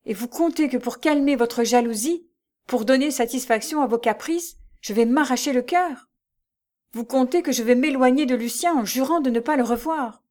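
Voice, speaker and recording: A woman's voice: high voice, moderate pace, a little mellow, pitched above the performer's own voice, natural voice. A woman reading aloud and voicing a poor young working woman who is bewildered at first and then fiercely indignant and impassioned.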